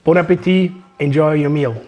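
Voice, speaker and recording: Swiss-accented male chef, slightly higher voice, chatty and joking, home kitchen demo. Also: a little fast. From Switzerland. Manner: chatty, joking, relaxed instructions. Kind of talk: home cooking demonstration.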